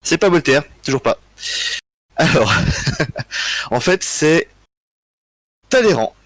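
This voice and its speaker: A tired man hosting a live history quiz, reading out chat answers in a relaxed, joking way with frequent chuckles. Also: on the high side, slow, no echo. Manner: relaxed, joking, chuckles often, thinks aloud. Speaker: quiz host.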